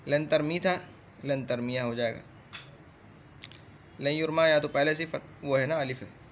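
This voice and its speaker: Man chanting grammar drills, slightly high voice. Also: a little slow, fairly bright tone, slight background noise. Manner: chants conjugation tables in a rising singsong, then explains plainly. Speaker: teacher. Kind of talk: Arabic grammar lesson, reciting verb conjugations.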